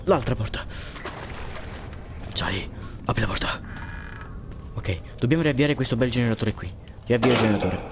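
This gameplay commentator, a man of medium pitch whose native language is Italian, narrates a horror game for viewers over background noise. Jumpy and playful, he curses often at the things that spook him.

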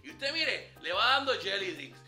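Calling his listener papá, a comic character gives dating tips with boastful, swaggering slang, a flirty ladies' man played by a man in a sketch. The full character voice is high, sharp and very animated at a normal speed, with faint music and roomy echo.

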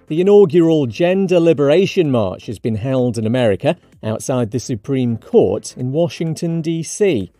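Cheeky upbeat guy reading news headlines, mellow voice, dry close mic, light music behind. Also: a little high, no echo. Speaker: news podcast host. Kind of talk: scripted news read. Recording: dry studio read over light music.

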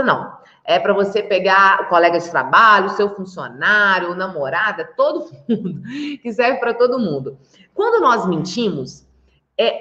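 Brazilian woman with an echoey, dull sound. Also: mid-range voice. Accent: Brazilian Portuguese. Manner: lively, acts out little quoted scenes. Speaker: body language expert guest. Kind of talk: explaining in an interview.

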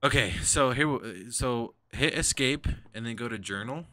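A man's voice: mid-range voice, moderate pace, sharp tone, dry recording. A young man hosting a gaming stream, jumpy and swearing, with frequent nervous laughter. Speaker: gaming channel host. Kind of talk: casual gameplay chat.

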